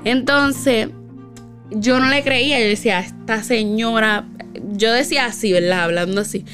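A woman's voice: a little high, moderate pace, a bit bright, soft background music. Chatty woman telling stories. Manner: chatty, many fillers and tag questions. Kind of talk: casual storytelling.

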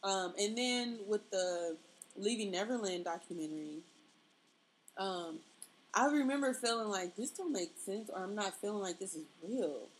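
A woman's voice: mid-range voice, lively intonation, moderate pace, slight background noise, poor audio. A woman hosting a podcast in a casual, chatty style. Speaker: podcast host. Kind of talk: casual chat.

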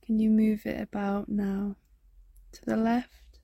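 A woman leads a relaxing body scan in an unhurried, level voice, soft and slightly breathy. Her tone is mellow and calm, and she often sinks to a whisper. The sound is close and dry. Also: medium pitch, no echo. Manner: slow, soft, soothing, drifting into whispers. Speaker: meditation guide. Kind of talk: guided body scan meditation.

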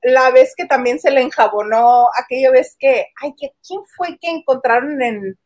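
A woman co-hosting a casual gossip chat, chiming in with quick quips. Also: high-pitched, darkish tone, dry recording.

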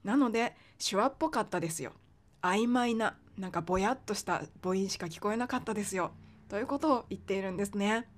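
A woman teaching English pronunciation on a podcast, explaining patiently with frequent fillers and slowing down to demonstrate sounds. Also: medium pitch.

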